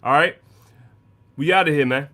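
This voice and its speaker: Hyped slangy host, a bit high. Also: male voice, normal speed, pushed and bright. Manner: hyped, slangy, keeps saying "you know what I'm saying". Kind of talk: casual chat.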